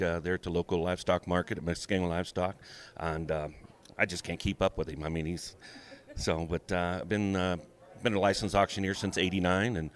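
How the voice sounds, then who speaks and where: A middle-aged man with an American accent, talking casually in an interview in a plain-spoken, folksy way. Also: deep voice. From small-town southeastern Ohio, USA. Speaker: auctioneer, interview guest.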